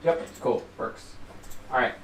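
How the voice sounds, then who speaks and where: A man co-hosting a livestream, chatting and joking casually. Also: takes it slowly. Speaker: livestream co-host. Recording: distant mic in echoey, noisy room.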